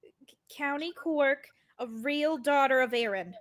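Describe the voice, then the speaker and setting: A scatterbrained young woman, acted by a woman, in a radio comedy. She sounds high and breathlessly earnest, flustered and muddled. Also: a little slow. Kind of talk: amateur radio drama reading.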